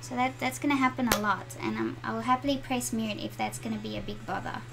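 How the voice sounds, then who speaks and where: A middle-aged South African woman who hosts an art channel chats to viewers on a live stream, reading their comments aloud while drawing in her home studio. Her voice is fairly high and gravelly, fast, with fairly even intonation, heard over loud music.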